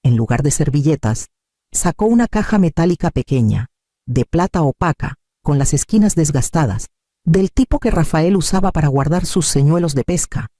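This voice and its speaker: Man reading a story calmly, super mellow warm voice, a bit high, dry close sound. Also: no room sound. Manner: calm, measured storytelling. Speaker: narrator. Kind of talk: scripted first-person story narration.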